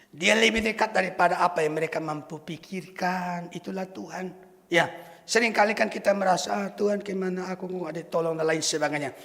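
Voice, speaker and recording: A man preaching a sermon as a pastor, lively, acting out the voices of Bible figures and chuckling at his own jokes. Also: high-pitched, vocal fry. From Indonesia. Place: church sanctuary. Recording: long church reverb.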